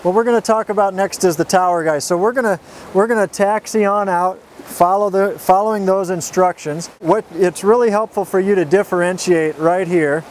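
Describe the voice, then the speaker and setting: A man whose voice sits high yet has a darkish tone walks through a tutorial as a flight instructor, outdoors. His explanations are folksy, informal, plain and step by step, with a little hiss or hum in the background.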